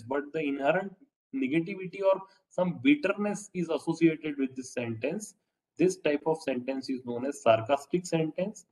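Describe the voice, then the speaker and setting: Indian man lecturing, higher voice. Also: a little mellow, rough recording. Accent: Indian English. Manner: explanatory, frequent "okay" and "uh" fillers. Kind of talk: recorded lecture.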